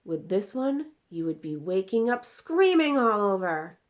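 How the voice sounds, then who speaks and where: A woman's voice: mid-range voice, very animated, a little slow, pitched above the performer's own voice. A woman voicing an indignant, distressed giant from a storybook, exclaiming in mangled grammar and drawing out words emphatically. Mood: exasperated, dramatic.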